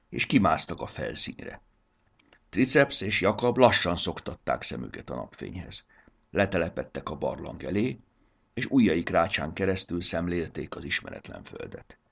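A man reading a children's fantasy story aloud with expressive narration. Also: sits low, creaky.

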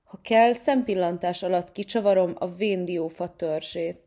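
A woman's voice: lowish voice, warm tone, natural voice. A woman voicing a proud, hot-tempered male wind spirit in a children's storybook, talking in a blustering, indignant way. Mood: indignant boasting. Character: boastful mighty male wind spirit, proud and quick to anger.

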